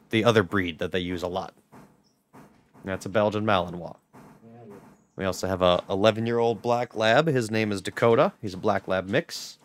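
A man giving chatty, joking commentary on a live gameplay stream and greeting viewers. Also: on the low side. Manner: joking, chatty, talks to chat. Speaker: game streamer.

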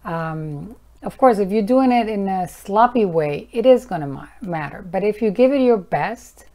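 A woman's voice: mid-range voice, a little mellow. A woman teaching about mantra chanting in a casual, earnest talk to camera, frank and sometimes firm with her viewers.

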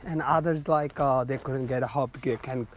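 A man's voice: medium pitch, steady tone, moderate pace, highs cut off, a crowd in the background. Young man vlogging on a phone. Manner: hesitant, filler-heavy English as a second language. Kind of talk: casual travel vlog chat. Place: limestone cave and outdoor park path. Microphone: handheld phone camera.

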